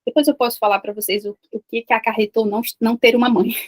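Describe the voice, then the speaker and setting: A woman's voice: on the high side, little pitch movement, fast. A Brazilian woman in her thirties sharing an emotional personal faith testimony with a live online group, repeating herself and confiding. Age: 30s. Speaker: online community host.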